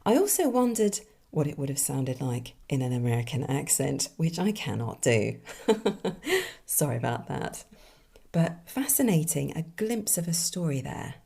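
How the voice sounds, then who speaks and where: A woman hosting a writing podcast, musing enthusiastically over listener submissions with soft asides. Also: low voice, very animated, normal speed, gravelly, breathy edge. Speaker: podcast host and fantasy author. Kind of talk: reading listener submissions and commenting.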